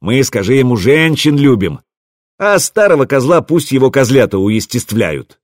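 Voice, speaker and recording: A man's voice: medium pitch, very animated, moderate pace, no room sound, clean studio sound, voice pushed up. Man doing a crude mocking Norse warrior. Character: coarse jovial Norse male warrior, mocking. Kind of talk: audiobook character reading.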